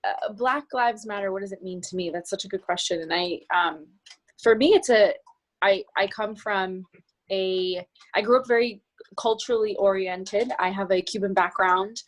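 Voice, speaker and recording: A woman's voice: medium pitch, normal speed, poor audio. Talkative woman coach, earnest. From New Jersey area, United States. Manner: earnest and talkative, with many restarts. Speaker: business coach, guest. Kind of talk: video call group discussion. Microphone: video call.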